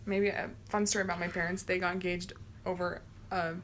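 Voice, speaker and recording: A woman's voice: fairly low pitch, little pitch movement, a bit bright, slight background noise. A young American woman co-hosting a live vlog, telling stories in a chatty way and laughing easily. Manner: chatty, storytelling, quick to laugh. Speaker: vlog co-host. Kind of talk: casual live-stream chat.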